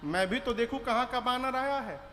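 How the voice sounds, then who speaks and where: A man's voice: very high-pitched, normal speed, sharp tone. A man voicing a proud demon king who gives orders in an imperious, scoffing way. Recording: reverberant hall with faint music.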